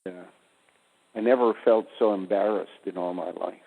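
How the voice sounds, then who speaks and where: A man in casual conversation, giving slow, deliberate explanations of wordplay over the phone. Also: sits low, fairly even intonation, creaky. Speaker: guest speaker. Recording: tinny phone line with reverb.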